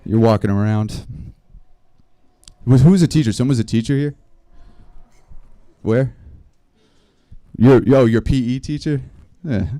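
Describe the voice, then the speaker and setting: Mellow deadpan male stand-up comic. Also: medium pitch, moderate pace, pauses often, dry recording. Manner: deadpan, rambling storytelling with small laughs. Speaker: stand-up comedian. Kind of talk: stand-up comedy set. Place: live comedy stream venue.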